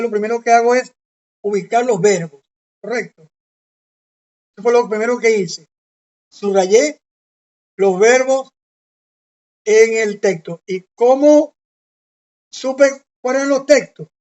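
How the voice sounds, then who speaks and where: Woman leading an online Bible lesson, unhurried and methodical, dull lo-fi computer audio. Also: fairly high pitch, a little mellow. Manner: methodical, often checks in with listeners. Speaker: Bible teacher.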